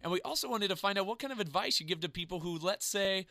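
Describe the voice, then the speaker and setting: A man's voice: high-pitched, lively intonation, fast, pushed and bright, dry recording, clean studio sound. A man hosting a radio interview in a chatty, friendly way with casual slang. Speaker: radio show host.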